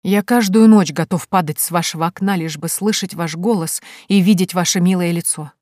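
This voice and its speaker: A woman reading an audiobook voices an ardent young male detective who speaks slowly and gallantly. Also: on the low side, dry recording, studio quality, lightly acted. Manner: warm, slow, gallant.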